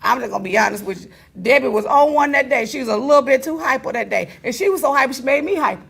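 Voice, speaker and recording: A woman's voice: high voice, animated, fast, gravelly, a bit bright, breathy edge. A woman hosting a casual talk show, teasing her guest and laughing often as she talks.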